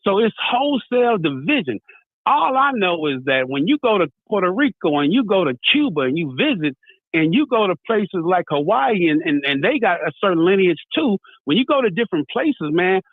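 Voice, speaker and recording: With big pitch swings and a fairly quick pace, the man's high voice comes through a dry, tinny, phone-like recording. He's an American radio host in a heated, casual debate, spinning stories, acting out exchanges, and repeating "you know what I mean."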